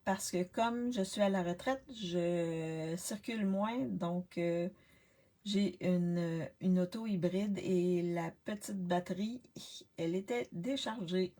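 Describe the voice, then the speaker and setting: A woman's voice: lowish voice, slow pace, dark tone. A retired woman, casually chatting on a live card-making stream and greeting viewers by name, with lots of fillers and restarts. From Canada. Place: home craft workspace. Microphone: laptop webcam on a desk.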